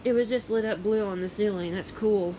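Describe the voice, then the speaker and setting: Her mid-range voice is mellow and brisk as she gives casual, rambling, matter-of-fact commentary to a phone, half muttering to herself. She's an amateur weather radio vlogger in a room at home at night. The rough handheld recording picks up faint background noise.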